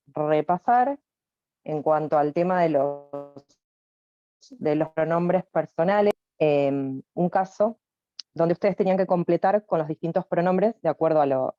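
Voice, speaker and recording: A woman's voice: fairly low pitch, no room sound, lo-fi sound. A woman with an Argentine Spanish accent, teaching English in an online class, explaining patiently and repeating herself with many fillers. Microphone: computer mic on a video call.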